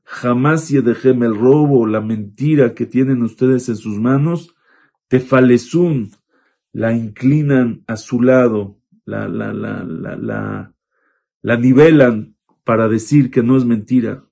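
A rabbi, a man with a husky, slightly breathy voice, gives a Torah class. He retells a biblical story in plain storytelling and then translates Hebrew verses one phrase at a time. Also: mid-range voice, takes it slowly, mellow.

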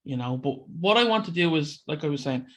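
A man's voice: on the high side, lively intonation, fairly quick, fairly bright tone. A man with an Irish accent hosting a casual chat in an informal, bantering way. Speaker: podcast host. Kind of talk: casual chat, introducing guests.

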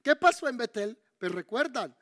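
A man preaches a sermon in an unusually high voice for a man. He questions his listeners and drags out the phrases he wants to stress. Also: big pitch swings, normal speed, fairly bright tone. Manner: preaching, asks the audience questions. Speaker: pastor.

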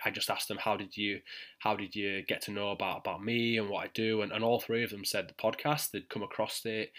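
A man with a thick Yorkshire accent hosting a solo podcast, talking in a halting, deliberately slowed way with repeated words. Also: on the low side, fairly bright tone. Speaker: podcast host, physiotherapy mentor. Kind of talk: solo podcast talk to listeners.

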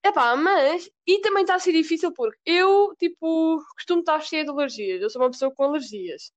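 A teenage girl from Portugal with a European Portuguese accent, chatting casually and telling stories with lively mimicry. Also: sits high, a little fast, muffled recording. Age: teens. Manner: animated storytelling, mimics voices in quotes. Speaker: student. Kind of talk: casual chat.

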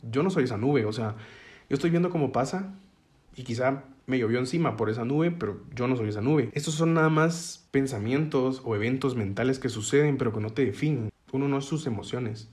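A man with a medium-pitched, slightly mellow voice talks fairly quickly in a casual self-help talk. He explains ideas through everyday metaphors and keeps checking in with listeners, often tossing in "ok?"

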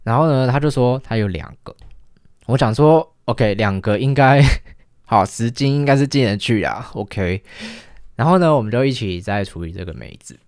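A young man telling a casual, lively story, acting out the lines of the people in it. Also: mid-range voice, moderate pace, smooth, dry recording, clean studio sound. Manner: chatty, animated retelling with quoted dialogue.

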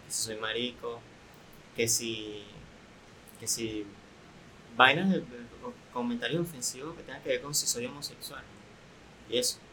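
A young man with a Venezuelan accent, a content creator guest, talking candidly in a relaxed, soft-spoken way. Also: medium pitch, normal speed, pauses often, rough recording. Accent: Venezuelan Spanish. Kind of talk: casual podcast interview.

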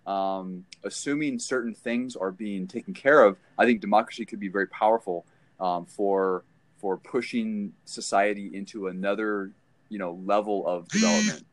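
A man from California, a guest on a call, thinking out loud with many pauses and ums. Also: on the low side, expressive, no echo. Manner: thoughtful, hesitant with many ums. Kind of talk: casual discussion over a call. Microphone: phone on a call.

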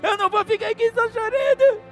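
Man doing a desperate mother voice, very high and strained, frantic pleading, sermon retelling. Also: lively intonation, brisk, a bit bright, soft background music, full character voice. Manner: frantic, pleading, rising to cries. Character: desperate rich mother, grieving woman.

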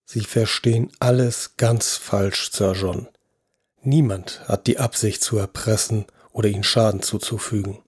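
A man voicing a calm, patient male neurosurgeon who speaks in a soft-spoken, reassuring way. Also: fairly low pitch, a little slow, slightly rough, no room sound, clean studio sound. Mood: soothing. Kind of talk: audio drama acting.

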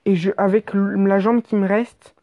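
A woman narrating an exaggerated comic story in an animated, slangy way, with swearing. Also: medium pitch, moderate pace, dull audio.

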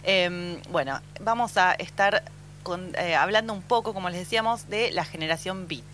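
A woman's voice: on the low side, normal speed, a bit bright, slight background noise. A woman with an Argentine accent hosting a casual literary radio show, chatty and enthusiastic, repeating words for emphasis.

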